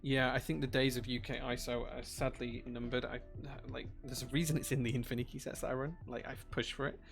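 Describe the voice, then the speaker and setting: A man's voice: mid-range voice, little pitch movement, a little fast, creaky, over music. A man hosting a live stream, chatting casually, reading out viewer chat and thanking people as he works. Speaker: livestream host building keyboards.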